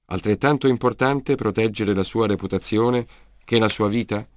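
A man's voice: lowish voice, normal speed, darkish tone, no room sound, natural voice. A man voicing a weary male detective in an audiobook, asking dry, probing questions. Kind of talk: audiobook character reading.

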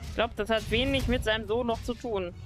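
A woman's voice: fairly high pitch, steady tone, brisk, music in the background. A woman doing casual let's play commentary and reading game text aloud as a streamer. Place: indoors at a desk, webcam stream.

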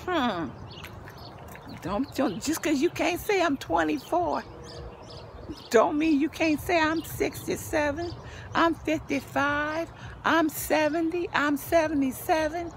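An older woman vlogger with a high voice, who says she's losing it, leads a lively home-video tour of her backyard garden, shot outdoors on a handheld phone. She sprinkles preachy, upbeat encouragement with church phrases, and a little background noise sits under her.

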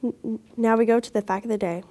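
A woman's voice: fairly high pitch, fairly even intonation, fast, dark tone. A teenage girl anchoring scripted school announcements. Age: teens. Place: school TV studio.

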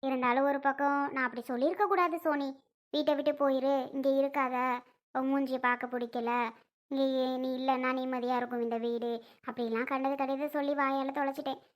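A woman's voice: steady tone, fairly quick, close to an everyday voice. A woman playing a grieving older mother-in-law, crying and full of regret in a family skit. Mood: tearful. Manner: sorrowful, regretful, soft and low.

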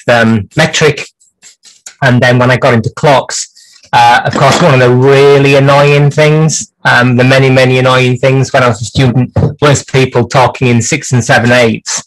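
A man's voice: mid-range voice, low-quality recording. A man hosting a clock repair livestream from his workshop bench, chatting through the work with dry jokes and lots of hesitations.

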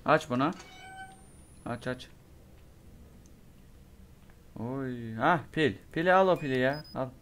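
Hoarse young man muttering through gameplay. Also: medium pitch, measured pace, a bit bright, slight background noise. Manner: mutters to himself, curses and reacts in bursts. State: voice going hoarse from a sore throat. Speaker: gamer playing a horror game. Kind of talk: let's play commentary.

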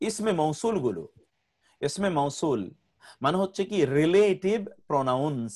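A man's voice: a little high, big pitch swings, moderate pace, darkish tone. A man teaching an online grammar class, patiently repeating word lists for students to memorize.

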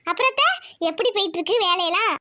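Woman voicing a coaxing cartoon schoolgirl: very high and bright. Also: animated, rapid-fire, exaggerated voice. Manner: wheedling, hesitant. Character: coaxing young schoolgirl niece.

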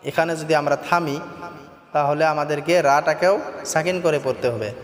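A man teaching Quran recitation, chanting each verse slowly and then explaining how to pronounce it. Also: fairly high pitch, steady tone. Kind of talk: slow Quran recitation lesson. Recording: echoey room with long reverb, faint music.

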